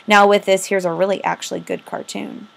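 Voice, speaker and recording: American lady teacher, mid pitch, dictating notes to her class, casual but emphatic, repeats key words. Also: level tone, brisk, vocal fry. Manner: emphatic, informal, asks and answers own questions. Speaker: history teacher. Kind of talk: recorded lesson lecture to students.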